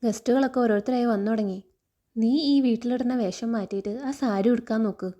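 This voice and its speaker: A fond old grandmother, read by a woman telling the story, who talks warmly to the girl she dotes on. Her dark, mellow voice lifts a little higher for the figure. It stays close to the reader's own voice. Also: steady tone, quick pace, lightly acted. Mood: fond reassuring. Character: elderly kindly grandmother, doting on her granddaughter.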